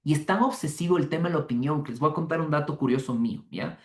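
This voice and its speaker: A man's voice: a little high, fast, a little mellow. A man giving an online criminal law lecture, conversational and full of rhetorical questions to the audience. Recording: echoey room.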